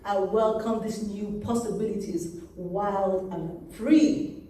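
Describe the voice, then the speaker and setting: A woman in her forties with a Yoruba accent, a native Yoruba speaker, reading her poems in a slow, measured way. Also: medium pitch, steady tone, dark tone, slight background noise. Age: 40s. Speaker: poet. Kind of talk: poetry reading. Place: reading event hall. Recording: very echoey room, mic far off.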